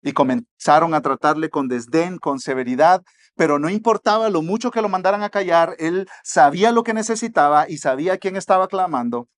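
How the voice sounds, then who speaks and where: A Mexican pastor preaching, his slightly high voice swinging from quiet, hushed asides to loud, pressing exhortation. He drives his points home with emphasis. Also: brisk. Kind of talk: sermon.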